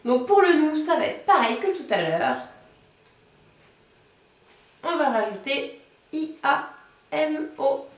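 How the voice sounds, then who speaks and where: A woman teaching a beginner language lesson, patiently explaining and slowing down to model each word. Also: sits high, very animated, very echoey, recorded from a distance. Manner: patient explaining, slows down to model Italian words. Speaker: Italian teacher.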